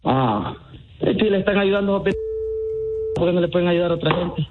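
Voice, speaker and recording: A man's voice: high-pitched, brisk, phone-quality sound. A man from Venezuela, the target of a prank call, confused and defiant and answering back with jokes. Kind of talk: phone conversation.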